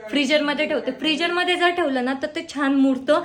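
A young woman with a high voice chats her way through a casual family vlog. She explains her cooking step by step in an easy, talkative way. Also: a little fast, fairly bright tone. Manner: chatty, teasing, explains as she cooks. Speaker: vlogger.

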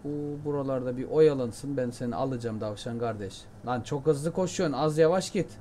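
A young man giving chatty, jokey commentary while playing a game, often shouting at it. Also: mid-range voice, brisk, slight background noise. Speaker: gameplay commentator. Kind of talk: casual let's-play commentary.

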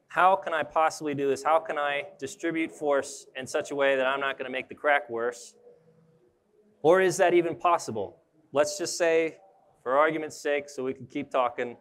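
Smooth-voiced young man demonstrating tree rigging. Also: mid-range voice, fairly bright tone. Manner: casual, thinks aloud while working with gear. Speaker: arborist trainer. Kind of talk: live demonstration talk. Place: indoor trade show booth with a mock tree.

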